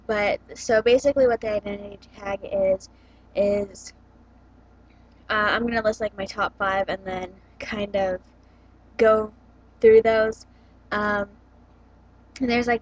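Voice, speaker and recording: A young book vlogger chats casually at home, hesitant and full of ums and likes, in a medium-pitched voice with a faint hiss or hum. She's recorded on a laptop's built-in webcam mic, giving dull, lo-fi audio.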